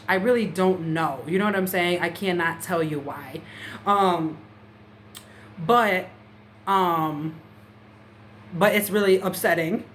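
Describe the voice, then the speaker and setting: A woman vlogger talking casually about learning a language, chatty and full of "you know" fillers. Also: on the low side. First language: English. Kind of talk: casual talk to camera. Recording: faint background noise.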